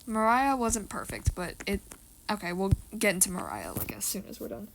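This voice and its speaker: A woman's voice: mid-range voice, big pitch swings, brisk, vocal fry, a little hiss or hum, low-quality recording. A teenage girl chatting casually about a musical's characters, rambling with lots of fillers and restarts. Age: teens. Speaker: co-host of a rating video. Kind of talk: casual chat.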